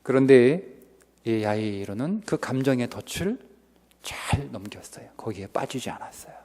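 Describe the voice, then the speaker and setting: A male pastor preaching a revival sermon, swinging from loud outbursts to whispers, recorded in a church sanctuary. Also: medium pitch, very animated, moderate pace. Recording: reverberant church hall.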